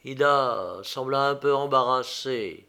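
A man reading a novel aloud as narrator, measured and steady. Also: mid-range voice, vocal fry, smooth. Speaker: audiobook narrator.

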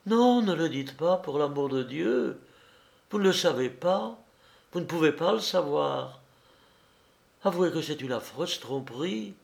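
Man voicing a soft, pleading young mother. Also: on the high side, lively intonation, unhurried, gravelly, pitched above the performer's own voice. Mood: anxious pleading.

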